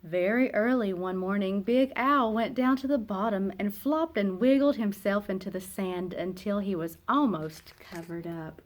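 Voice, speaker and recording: A woman narrating a children's picture book aloud in an expressive, dramatic way, with emphatic pauses and hushed phrase endings. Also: mid-range voice. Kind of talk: expressive storybook read-aloud.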